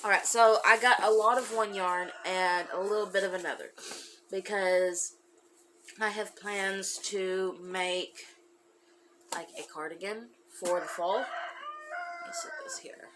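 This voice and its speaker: A woman's voice: medium pitch, very animated, measured pace, fairly bright tone, slight background noise, rough recording. A woman hosting a crafting podcast, chatting casually with lots of fillers, and sounding a bit congested. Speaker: podcast host. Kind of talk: casual chat.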